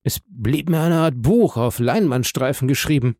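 In an audiobook, a man voices a humble, eager old prison guide, speaking in a deferential, wondering way. His voice is medium-pitched, a little mellow, moderately paced, and close to an everyday voice, though pitched above his own natural voice. The recording is dry, with clean studio sound.

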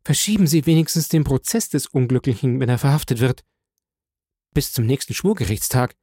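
A man's voice: medium pitch, expressive, fairly quick, warm tone, breathy edge, no room sound, clean studio sound. A man voicing a middle-aged noblewoman who coaxes and implores in a sweet, raised voice. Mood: pleading. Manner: imploring, coaxing.

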